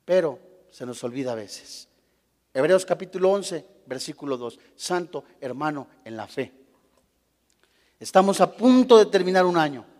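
A male preacher delivers a sermon in a notably high voice. He fires rhetorical questions at his listeners and slips into little acted scenes to make his point. His voice rings out with a long reverb, as if he were in a large church hall. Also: animated, normal speed, darkish tone. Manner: acts out short scenes in character voices.

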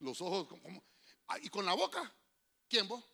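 Lively Honduran pastor, bright gravelly voice. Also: male voice, high-pitched, moderate pace. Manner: animated, asks the congregation questions, swings between loud calls and whispers. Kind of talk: lively sermon. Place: church.

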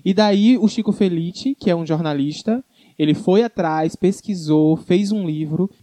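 Brazilian accent, mellow dark tone, dry close sound, casual co-host chat, halting delivery. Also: medium pitch, no echo. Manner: informal, halting, stumbles on long words. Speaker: show co-host. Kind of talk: casual chat about news hits and flops.

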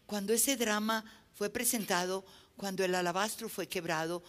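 A woman's voice: medium pitch, normal speed. A woman preaching a sermon, emphatic and repeating phrases for effect while telling anecdotes.

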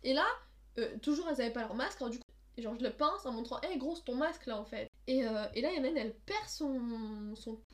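A young woman co-hosts a podcast, recounting events in an animated, slangy manner. Her voice sits a little high and her words tumble out fast. It is relaxed, casual chat storytelling. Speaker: podcast co-host.

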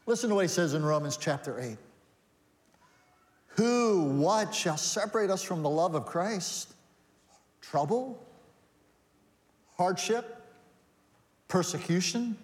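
A man with a high tenor delivers a sermon from a church sanctuary. He stacks rhetorical questions and answers them with rising emphasis, and his voice trails off in a long, echoing reverb. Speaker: pastor.

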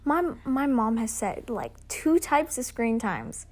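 A woman's voice: a little high, very animated, slow, a little mellow. A teenage girl co-hosting a casual podcast, rambling and giggly with lots of fillers and restarts, recorded on a phone. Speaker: podcast co-host. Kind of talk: casual chat.

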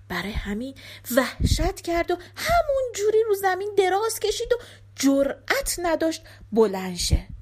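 A woman narrating a folk tale in a lively, expressive storytelling manner. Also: high voice, breathy edge.

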